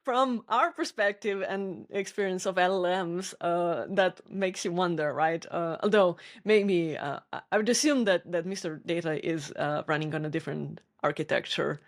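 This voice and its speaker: A woman's voice: on the low side, moderate pace, hardly any pauses. A woman co-hosting a casual podcast, talking thoughtfully with frequent restarts and small laughs. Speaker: podcast co-host.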